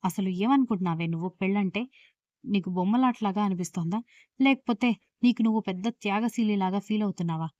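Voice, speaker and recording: A hot-tempered young husband who snaps out sharp rebukes, read by a woman narrating the story. The lines come fast in a mellow, dark voice. The recording is dry and a little dull. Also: medium pitch, no echo, close to an everyday voice. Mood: angry.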